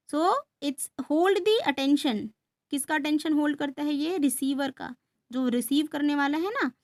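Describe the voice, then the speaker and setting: A woman teacher with a high, light voice walks her class through a lesson, asking a question and then answering it herself. She mixes Hindi and English as she talks, and the recording is close and dry, with no room sound around her. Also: creaky, no room sound. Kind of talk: classroom lecture.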